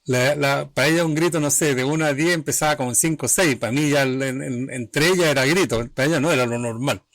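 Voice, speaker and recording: A man's voice: medium pitch, a little fast, a bit bright, no echo. A man hosting a live-streamed talk on emotional healing, speaking conversationally in short, restarting phrases and often checking that the listener follows. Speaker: host of an emotional healing channel.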